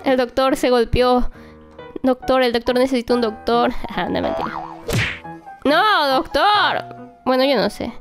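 A young woman narrating her doll play in a lively, exclamatory way, talking to the toys like a babysitter. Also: a little high, moderate pace, faint music behind. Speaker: toy play vlogger.

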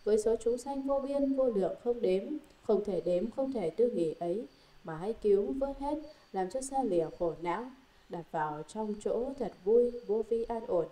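A woman's voice: on the high side, moderate pace. Woman reading scripture in an echoey room. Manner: even, steady reading of long lists. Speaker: scripture reader. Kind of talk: measured recitation of a Buddhist treatise.

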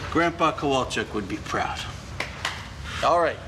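Man acting a deadpan, animated-pitch working man. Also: measured pace, reverberant, background noise, close to an everyday voice. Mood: dry. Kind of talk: television comedy-drama acting.

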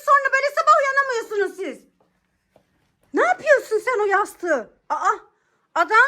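A woman with a very high voice plays an exasperated mother in a home bedroom. She scolds and coaxes by turns, sounding worn out. This is a scripted family skit. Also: sharp tone.

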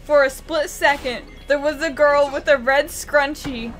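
A young woman with a high, bright-toned voice talks over a game session. She is chatty, laughs easily and swears casually. Game music plays loudly behind her. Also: steady tone, unhurried. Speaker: let's play co-host. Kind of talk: casual gameplay chat.

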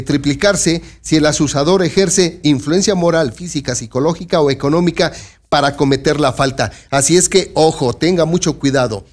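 The man hosting this local news commentary program is from Mexico, and his voice is a little high and a little mellow. He chats directly with listeners and urges them to be careful.

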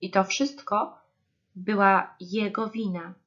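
A woman reading a children's story aloud, slow and expressive. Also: medium pitch, dull audio.

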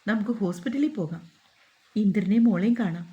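A woman voicing a middle-aged household helper who firmly calms the grandmother. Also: medium pitch, fairly quick, highs cut off, close to an everyday voice. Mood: soothing. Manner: firm, soothing. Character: calm middle-aged housemaid, firm, comforting.

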